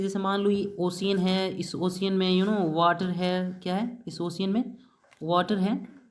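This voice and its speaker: An English teacher with a high-pitched, darkish voice leads an exam-prep vocabulary class. His habit is to put a question to the students and answer it himself, while mixing in English words that he spells out one letter at a time.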